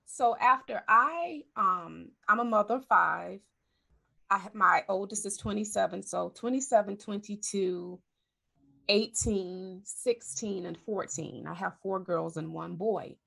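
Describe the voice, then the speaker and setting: A forties-aged woman hosting a podcast talks a little slowly in a mid-range voice with vocal fry and a bright, forceful tone. She's candid and chatty in casual conversation, often revising what she's just said.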